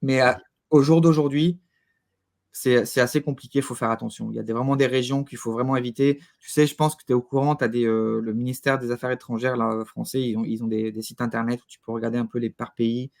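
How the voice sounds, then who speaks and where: A man speaking as an interview guest at a middling pitch. His delivery is conversational and halting, with words repeated while he looks for the right phrase. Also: steady tone, gravelly, darkish tone.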